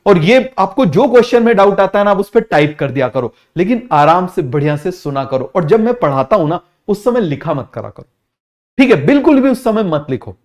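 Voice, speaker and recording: Man, high pitch, online biology lesson, repeats questions to students, mixes English terms. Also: very animated, a little fast, darkish tone. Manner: drills students with repeated call-and-response questions; mixes English science terms into casual talk. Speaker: biology teacher. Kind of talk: online exam-prep lecture.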